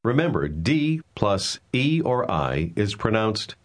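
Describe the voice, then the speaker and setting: A man narrating a language course, calling out numbered words and explaining how letters are pronounced in a measured, clear teaching manner. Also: fairly low pitch, very animated. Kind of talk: scripted instructional narration.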